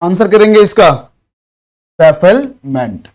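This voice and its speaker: High-voiced Bihari teacher, drilling quiz questions. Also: male voice, big pitch swings, a little mellow. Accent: Bihari Hindi. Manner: reads questions slowly, explains in fast chatty Hindi. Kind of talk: exam-prep lesson.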